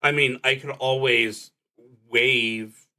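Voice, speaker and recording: Playing a tabletop RPG solo on stream, a man reasons out loud slowly and carefully, breaking off mid-thought. His mid-range voice is steady with a sharp tone.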